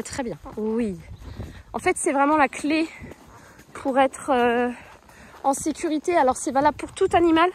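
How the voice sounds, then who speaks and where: A woman's voice: high voice, a little hiss or hum. A woman filming a casual vlog on her phone while working with her horse on a rural path, explaining as she goes and cooing praise to the animal. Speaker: horse owner vlogger. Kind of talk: casual outdoor vlog commentary. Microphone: phone held in one hand.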